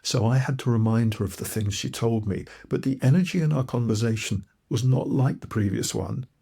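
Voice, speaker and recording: A man's voice: mid-range voice, fairly quick, vocal fry, mellow, breathy edge. A man from Malawi, narrating his own audiobook in a reflective, earnest storytelling way. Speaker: author and narrator.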